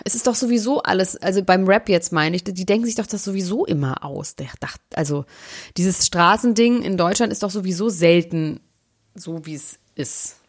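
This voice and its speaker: Chatty woman with a lowish voice. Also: normal speed. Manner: lively, chatty gossiping. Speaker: podcast co-host. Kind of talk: casual chat.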